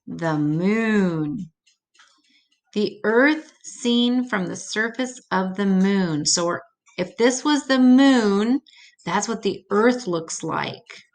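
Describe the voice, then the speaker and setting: Reading slowly and expressively in a medium-pitched voice, an older woman goes through an educational children's book aloud. She patiently adds simple explanations as she reads.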